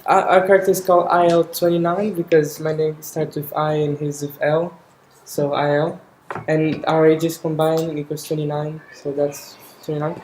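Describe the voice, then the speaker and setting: Low-voiced woman student, hesitant, echoey room. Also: little pitch movement, moderate pace, a little mellow. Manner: hesitant, thinking aloud with fillers. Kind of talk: presenting a character idea. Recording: echoey room with faint noise.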